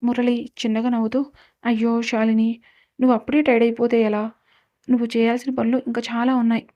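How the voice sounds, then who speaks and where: Woman storyteller, fairly high pitch, mellow and flat, reads narration and dialogue alike. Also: quick pace, highs cut off.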